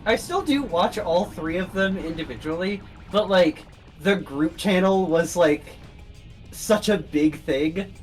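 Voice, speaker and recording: A person chatting on a gaming stream, cracking wry, deadpan jokes. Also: medium pitch, measured pace, soft background music, rough recording. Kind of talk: casual chat while gaming.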